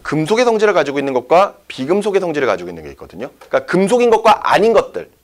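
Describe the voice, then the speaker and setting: Male teacher, classroom lecture, slightly high and very animated, checks on students constantly. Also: racing. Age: young adult. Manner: lively, checks often with students. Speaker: science teacher.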